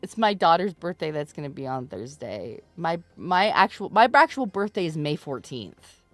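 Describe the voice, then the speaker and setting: A woman in her thirties hosting a live stream in casual chat. She teases her viewers, laughs often, and breaks into loud mock protests. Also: sits low, sing-song, normal speed, no room sound. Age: 30s. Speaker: streamer host.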